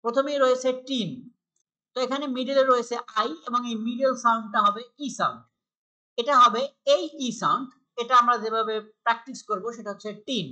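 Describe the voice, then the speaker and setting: A woman's bright, somewhat high voice with a Bangladeshi accent leads a primary English lesson. She reads English lines slowly, then explains them patiently and repeats each word for pupils to copy. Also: poor audio. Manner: patient, repeats words for practice. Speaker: primary school English teacher. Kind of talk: textbook lesson for young pupils.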